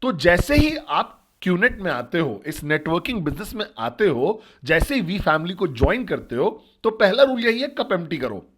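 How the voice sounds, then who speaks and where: A man's voice: high-pitched, big pitch swings, moderate pace, few pauses, a bit bright. Direct male motivational speaker. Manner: direct, asks listeners questions. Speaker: network marketing trainer. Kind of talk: motivational storytelling talk.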